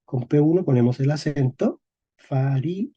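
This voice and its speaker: A man teaching a class on historical sound changes, speaking slowly and deliberately, checking in with his listeners after nearly every phrase and repeating key words. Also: on the high side, lively intonation, mellow, slightly rough, highs cut off. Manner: slow and deliberate, checks in constantly with "¿ok?" and "¿eh?". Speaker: teacher of Spanish historical phonology. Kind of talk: classroom lecture.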